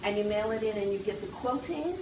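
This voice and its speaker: A woman's voice: medium pitch, expressive, a little fast. A woman guiding an informal tour, explaining things as she goes, recorded in a large indoor warehouse. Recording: echoey, noisy warehouse, distant microphone. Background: loud warehouse ambience.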